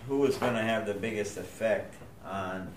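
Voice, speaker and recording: A man's voice: on the low side, fairly even intonation, normal speed. A man asking informal questions at a board meeting, rephrasing them as he goes. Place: indoor meeting room. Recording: echoey room, distant mic, clear noise.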